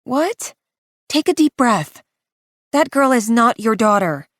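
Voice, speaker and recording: A woman reading an audiobook, voicing a brisk, distracted female friend on the phone, pitched higher than her narration. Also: big pitch swings, dry recording, clean studio sound, heavily acted. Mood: alarmed.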